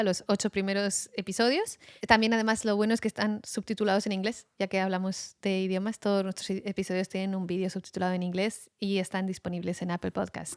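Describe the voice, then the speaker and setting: Lively woman podcast guest, dry sound. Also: mid-range voice, dry recording. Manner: animated, laughs often, acts out her own thoughts. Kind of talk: casual conversation.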